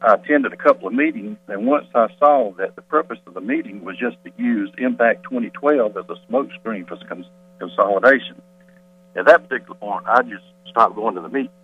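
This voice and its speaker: Husky-voiced man on a tinny phone line. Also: lowish voice, brisk, soft background music. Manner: insistent, rebutting point by point. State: slightly out of breath. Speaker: school board member calling in as guest. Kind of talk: phone-in radio interview. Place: quiet hallway off a meeting. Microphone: telephone.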